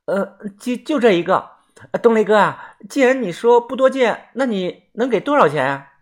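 A man's voice: high-pitched, expressive, moderate pace, pitched above the performer's own voice. A man voicing a naive young woman who pleads and coaxes in a storybook reading. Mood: hesitant. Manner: pleading, coaxing.

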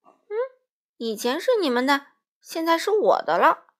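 A woman's voice: on the high side, expressive, moderate pace, a bit bright. A woman voicing a smug, bossy male wolf who bullies and threatens. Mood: bossy sneering. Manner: sneering, threatening.

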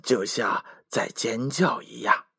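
This second male fox from a children's storybook drools over food and shakes at danger, as a man puts him on. He speaks slowly and shakily with a husky, gravelly tone, recorded close and dry. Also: medium pitch, bright, forceful tone, full character voice. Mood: drooling. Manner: slow, drawn-out, shaky.

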